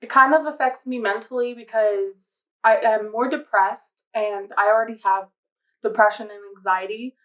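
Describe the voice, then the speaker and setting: A woman's voice: on the high side, moderate pace, highs cut off. Hesitant teenage girl. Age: teens. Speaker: interviewee. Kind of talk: casual interview answers.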